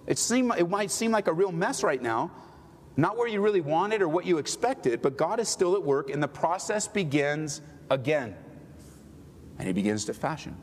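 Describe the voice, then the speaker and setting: A middle-aged male pastor preaching a sermon, swinging between loud pleading and quiet tender talk. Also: on the high side, long reverb tail, a little hiss or hum.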